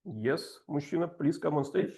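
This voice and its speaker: A native Russian speaker with a heavy accent hosts a club session as table topics master, speaking slow, halting English and tossing in playful asides. His voice is on the high side, animated and somewhat dark in tone.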